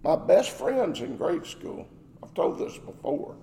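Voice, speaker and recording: A man's voice: high-pitched, very animated, slow, gravelly, dark tone, long reverb tail. A man preaching a sermon as pastor, emphatic, asking rhetorical questions.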